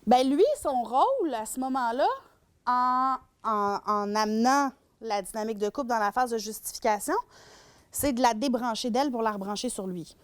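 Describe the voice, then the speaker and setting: A woman with a Québécois accent giving a public lecture as a shelter worker on domestic violence. She speaks animatedly and acts out scenarios. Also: a little high. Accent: Québécois French.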